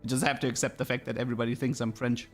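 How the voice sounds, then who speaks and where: Over music, a man from Germany streams a game and chats casually in German-accented English, thinking out loud and repeating words often. He speaks in rapid-fire bursts at a medium pitch that barely moves.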